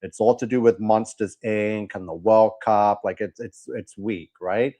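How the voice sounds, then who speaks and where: A man's voice: lowish voice, fairly even intonation, a little slow, warm tone. A man hosting a casual livestream, talking loosely and checking in with "right?" after his points. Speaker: livestream host.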